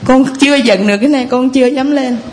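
A woman's voice: sits high, fast, a little mellow. Earnest woman testifying. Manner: rambling, earnest storytelling addressed to a priest. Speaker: parishioner giving testimony. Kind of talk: tearful church testimony. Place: church.

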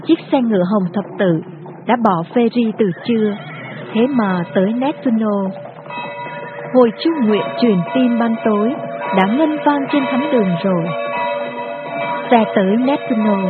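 A woman tells a dramatic story in a steady, grave voice that sits a little high. The sound is thin and phone-like. Music plays clearly underneath her narration. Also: measured pace. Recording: tinny phone-like audio with music behind.

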